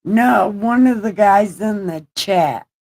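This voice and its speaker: A woman in her forties hosting a casual livestream, loud and joking as she teases her friends. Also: medium pitch, slow pace, no room sound, low-quality recording. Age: 40s. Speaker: livestream host.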